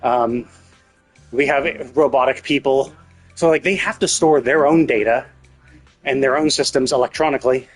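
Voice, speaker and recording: A man live-streams a story game with game music playing behind him, his commentary casual, rambling, repetitive and emphatic. His voice is husky and medium-pitched at a normal speed.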